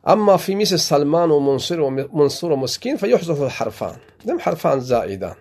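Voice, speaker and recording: A man from Afghanistan leads a classroom grammar lesson as a sheikh. His voice sits at an ordinary middle pitch, and he explains each point step by step. He often repeats his examples and pauses on small fillers. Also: creaky, a little mellow. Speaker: sheikh teaching Arabic grammar.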